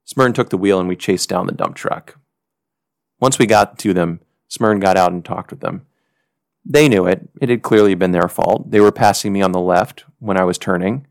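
Low-pitched and full of vocal fry, an American podcast host narrates a personal story from a script, sounding earnest and reflective with a measured delivery. The studio sound is clean, with no echo.

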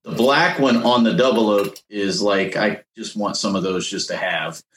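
A man co-hosting a podcast in casual chat, animated and playful, laughing easily. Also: lowish voice, measured pace. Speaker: podcast co-host. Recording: roomy echo.

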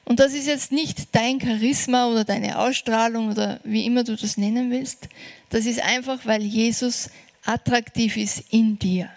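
Woman w/ preaching, earnest + encouraging, fairly high voice, slows down to stress things. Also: steady tone, creaky. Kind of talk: sermon.

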